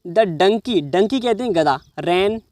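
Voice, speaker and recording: A man teaches an English reading lesson, reading each English word slowly and then explaining it in Hindi. He frequently checks in with "समझ रहे हो" to make sure the listener understands. His high voice is lively and a little mellow, recorded dry.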